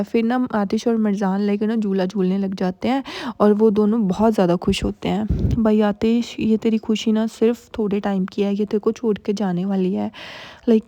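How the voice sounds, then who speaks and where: A woman's voice: medium pitch, warm tone, no echo. A woman casually retelling a drama's story in a chatty, close-miked recap, adding playful asides to the listener.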